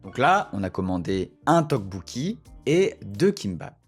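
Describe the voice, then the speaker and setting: Playing both waiter and customer in little restaurant skits, a Korean language teacher gives a relaxed video lesson in French on Korean restaurant phrases. His low voice is very animated but unhurried, with faint music in the background.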